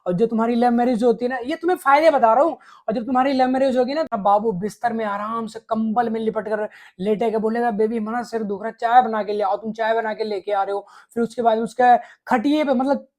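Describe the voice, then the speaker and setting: A relationship advice vlogger speaks straight to the viewer with blunt, crude scolding and plenty of swearing. His voice is extremely high and slightly mellow, and he talks briskly.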